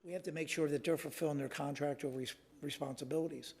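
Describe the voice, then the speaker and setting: A man serving as a city council member, explaining local matters at a public meeting in a halting, measured way. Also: fairly high pitch, fairly even intonation, creaky, darkish tone, breathy edge, faint music behind.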